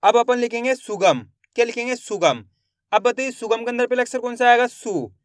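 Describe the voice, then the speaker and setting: A young man with a high, clear voice teaches spelling, sounding out every syllable and repeating each word. His voice is smooth and close, in a dry room with no echo. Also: brisk. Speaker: Hindi writing teacher.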